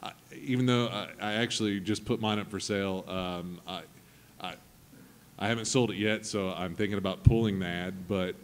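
A man co-hosting a live convention panel, halting and quick to laugh. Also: low-pitched, fairly even intonation, slight background noise. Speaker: podcast co-host. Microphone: table mic on a stand.

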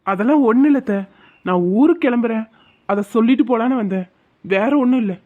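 Calm young cartoon cop guy, done by an actor, tinny phone-like sound. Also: medium pitch, quick pace, lightly acted. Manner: reassuring, calm. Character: young male police officer, steady and kind.

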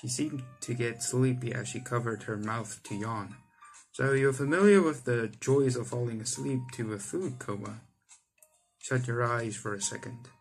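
A young adult man with a mid-range, creaky voice hosts a gaming video, reading a visual novel aloud at a moderate pace with casual commentary. He stumbles over the text and rereads lines now and then. Game music plays behind him, and the audio quality is poor.

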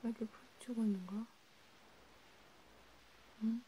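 A woman in a whispered role-play, comforting a friend softly and soothingly, slipping between a quiet voice and a whisper. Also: on the high side, fairly even intonation, normal speed, a little hiss or hum, poor audio. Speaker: ASMR creator.

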